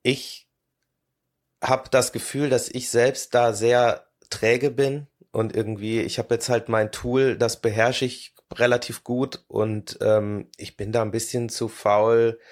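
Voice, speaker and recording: A man talking as a podcast guest in a relaxed, thoughtful way, pausing often with filler sounds. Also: mid-range voice. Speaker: guest, 3D illustrator. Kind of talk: casual podcast conversation.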